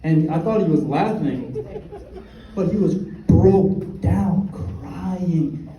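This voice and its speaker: A young man doing a stand-up comedy set, with a dry, halting delivery and deadpan punchlines. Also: on the high side, highs cut off. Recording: roomy sound, mic at a distance, faint ambience.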